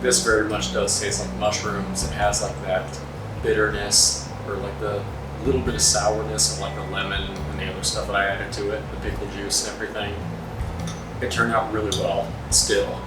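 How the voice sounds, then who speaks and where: A man's voice: lowish voice, level tone, moderate pace, recorded from a distance. A man chatting casually as a cooking vlogger, rambling and self-deprecating. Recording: roomy echo, off-mic, music behind.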